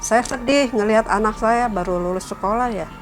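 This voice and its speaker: A woman's voice: a little fast, soft background music. Middle-aged woman telling a story. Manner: quotes others with raised pitch, trails off softly. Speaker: guest telling her story. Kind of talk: casual spoken storytelling.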